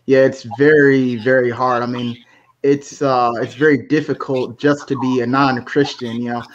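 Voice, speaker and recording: A man from the United States hosting a podcast, explaining his thoughts in a relaxed, conversational way. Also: mid-range voice, normal speed. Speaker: podcast host. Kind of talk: casual conversation. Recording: slightly muffled with faint hiss.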